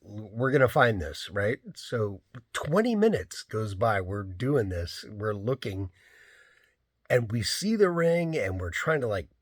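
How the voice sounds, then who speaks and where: Unhurried man with a husky, lowish voice, rambling storyteller for a vlog. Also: big pitch swings, no echo, clean studio sound. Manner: rambling, fills with "like" and "you know". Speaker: rideshare driver.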